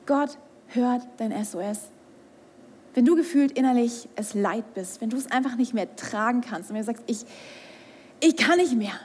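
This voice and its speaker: A woman's voice: a little high, normal speed, darkish tone, slight background noise. A young woman preaching a sermon, speaking with emphasis, asking rhetorical questions and sometimes dropping to a whisper. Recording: hall with long reverb.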